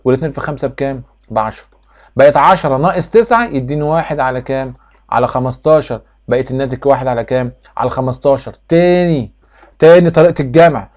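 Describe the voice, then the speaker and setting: A man's voice: mid-range voice, fast, darkish tone. A man with an Egyptian accent teaching a math review lesson, firing questions at students and answering them himself, repeating each step like a drill. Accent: Egyptian Arabic. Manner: quizzes students and answers his own questions.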